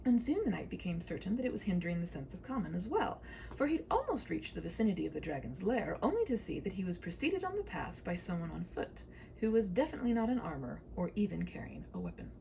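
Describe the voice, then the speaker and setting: A woman reads her own comic short story in a lively, swooping voice, pitched fairly low and moving at a quick pace. Her mellow tone carries some vocal fry, and her whimsical, mock-formal phrasing comes with wry asides. The low-quality home recording has faint noise.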